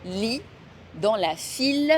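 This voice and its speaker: A slow, careful female pronunciation teacher. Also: on the high side, expressive, a little hiss or hum. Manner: clear, careful enunciation. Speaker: French teacher. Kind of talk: slow scripted pronunciation lesson.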